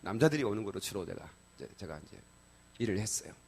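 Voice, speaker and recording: A middle-aged male pastor preaching a sermon in a church, telling personal stories in a lively colloquial way, swinging from loud exclamations to soft asides and often checking in with the congregation. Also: fairly low pitch, fast, gravelly, a little hiss or hum. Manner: colloquial, addresses congregation with repeated "예?". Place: church sanctuary.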